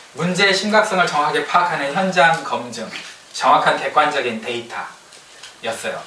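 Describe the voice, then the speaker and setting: A male pastor delivers a lively, conversational sermon in a forceful, bright voice set a little high. He is picked up from some distance in a roomy church hall, with faint ambience behind him. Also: slight background noise. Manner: lively, colloquial preaching with acted-out quotes.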